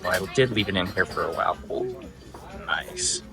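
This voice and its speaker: A man's voice: low-pitched, animated, normal speed, crowd noise. A man hosting a food vlog, giving casual, informal and enthusiastic commentary on what he eats. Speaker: food vlogger and host.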